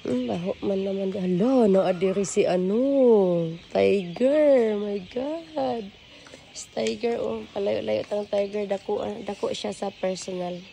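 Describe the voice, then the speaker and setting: Woman vlogger, slow-talking and gravelly, cooing at animals, noisy outdoor phone recording with birds behind. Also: mid-range voice, dark tone. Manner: cooing, baby-talks to the animals. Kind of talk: casual zoo-visit vlog commentary. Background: birds, roosters and outdoor ambience.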